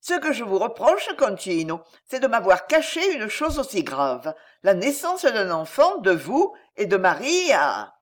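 A woman's voice: very animated, unhurried, hardly any pauses. A woman voicing a fiercely jealous, passionate noblewoman who speaks intensely, coldly and with menace. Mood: reproachful. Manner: intense, low and cold, menacing.

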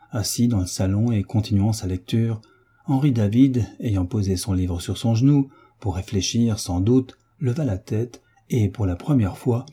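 A man narrating a classic novel as an audiobook, in a measured, even manner. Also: on the low side, breathy edge.

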